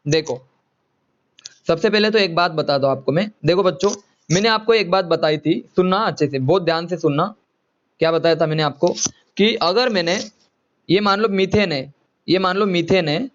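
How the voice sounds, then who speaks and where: A man with a high-sitting voice teaches a chemistry lecture to students, often repeating himself and coaxing them to answer. The classroom recording has a lo-fi sound.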